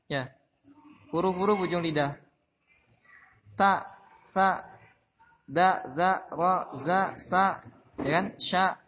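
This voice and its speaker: A man's voice: high voice, extremely slow, long pauses, a bit bright, slight background noise. A man teaching Quran recitation in a study-circle lesson, explaining patiently, repeating his points and putting questions to his class. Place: religious boarding school classroom.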